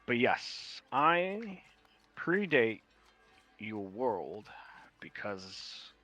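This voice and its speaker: A man with a New York accent voicing a grave, ancient male traveler from another world in a tabletop game, measured and pausing between phrases. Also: mid-range voice, sing-song, bright, forceful tone, faint music behind, exaggerated voice. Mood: solemn, revealing.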